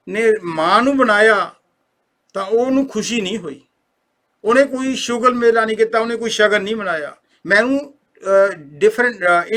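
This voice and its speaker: A man's voice: high-pitched, pushed and bright. A man giving an earnest talk, retelling a family story and voicing the people in it. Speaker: speaker on a talk program.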